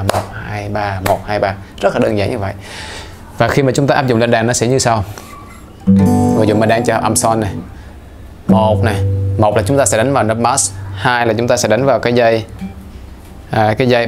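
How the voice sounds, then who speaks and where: A man teaches a guitar lesson in a relaxed, chatty way. His voice sits at an ordinary middle pitch, and he counts the beats aloud between explanations. Guitar playing is clearly heard behind him. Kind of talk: casual instructional talk.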